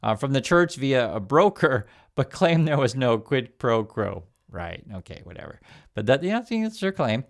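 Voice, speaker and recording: Gravelly and medium-pitched, with big pitch swings and a moderate pace, this man in his fifties from Vietnam, raised in the USA, does a casual news commentary vlog. He reads articles out loud and adds remarks of his own, with many fillers and restarts along the way.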